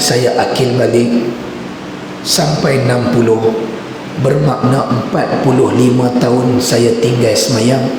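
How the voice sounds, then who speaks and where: Play it low and plain: a remorseful man in his sixties, choked with regret, as a preacher retells him, with a long mosque-hall echo. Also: close to an everyday voice. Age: 60s. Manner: sobbing, repeating himself in despair. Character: tearful elderly man, remorseful and pleading. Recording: echoey mosque hall with background noise.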